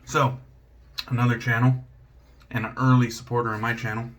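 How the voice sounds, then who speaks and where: A relaxed man talks his way through a shave in his home bathroom, meandering from one thought to the next. He pokes fun at himself and drops the odd curse, keeping it loose and conversational. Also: lowish voice. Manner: laid-back, rambling, self-deprecating, swears casually. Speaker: shaving channel host. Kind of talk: casual vlog chat while shaving.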